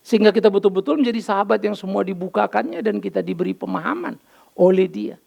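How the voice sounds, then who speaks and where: An older man, preaching a sermon as pastor, telling lively stories and acting out dialogue. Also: high-pitched, fast, creaky. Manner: lively storytelling, acts out dialogue, mixes in English phrases. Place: church.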